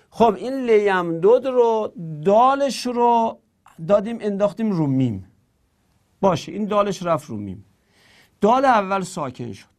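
Man spelling words out slowly in class. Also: high voice, darkish tone. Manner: spells words out syllable by syllable, playful asides. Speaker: Arabic grammar teacher. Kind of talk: classroom lesson.

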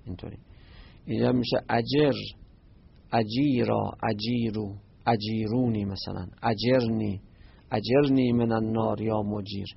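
Male grammar teacher, gravelly and husky, chanting verb forms slowly; muffled lo-fi recording. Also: lowish voice. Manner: recites verb forms in slow drawn-out chants. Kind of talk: classroom lesson.

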